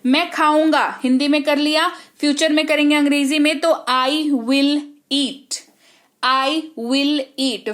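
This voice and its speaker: A woman with a high voice and an Indian accent teaches an online English lesson. She talks briskly, drills terms one after another and keeps checking that her students follow. Hindi is her first language.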